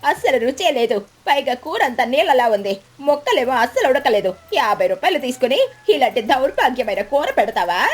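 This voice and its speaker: A woman doing a blunt, lower-voiced eagle. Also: very animated, a little fast, hardly any pauses, husky, full character voice. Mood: disgusted. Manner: blunt, complaining. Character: grown female eagle, blunt and outspoken.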